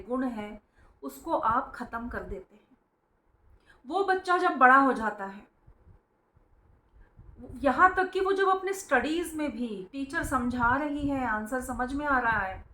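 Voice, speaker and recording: A woman's voice: fairly high pitch, pushed and bright. A woman gives an informal spiritual talk, explaining earnestly, calling her listeners friends and acting out how parents scold their children. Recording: roomy, echoing sound.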